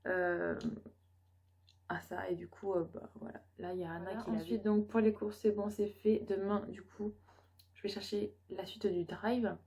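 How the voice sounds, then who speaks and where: A woman's voice: medium pitch, steady tone, moderate pace, warm tone. Tired young french woman vlogging, lots of euh and restarts, just chatting about her day. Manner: rambling, many fillers and restarts. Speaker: vlogger, student mother. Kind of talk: casual vlog chat.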